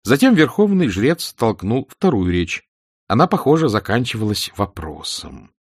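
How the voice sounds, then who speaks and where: A man narrating a story as an audiobook reader, expressive in his storytelling. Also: mid-range voice, normal speed, slightly rough, dry recording, studio quality. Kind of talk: scripted narration.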